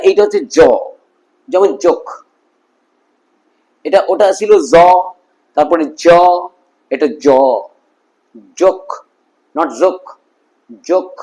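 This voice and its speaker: A man with a Bengali accent teaching English pronunciation, repeating each word slowly and often checking that his listeners follow. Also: fairly high pitch, darkish tone, poor audio. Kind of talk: phonetics lesson explaining sounds and symbols.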